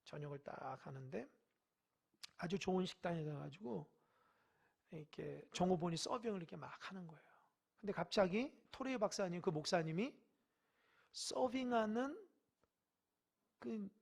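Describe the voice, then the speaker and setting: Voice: medium pitch, animated, normal speed, vocal fry, long pauses, breathy edge. Emphatic Korean church pastor preaching. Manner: emphatic, swings from loud exhortation to hushed asides; addresses the congregation directly with questions. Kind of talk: midweek sermon. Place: church sanctuary.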